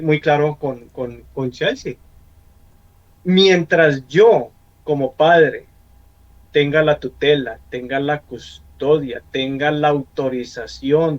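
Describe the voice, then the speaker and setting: A middle-aged man with a Colombian accent speaks earnestly in a church discussion. He often repeats a word before moving on. His voice sits fairly high, and the sound is dull and lo-fi. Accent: Colombian Spanish. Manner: earnest, repeats words as he searches for them. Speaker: church member on a panel.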